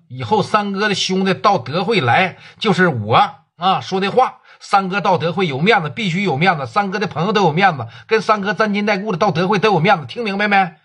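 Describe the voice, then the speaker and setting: A loud, boastful small-town gang boss, as a male storyteller puts him on, talking in a husky Northeastern Mandarin voice. He swaggers one moment and fawns the next, pitched a little high. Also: heavily acted. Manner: swaggering, wheedling.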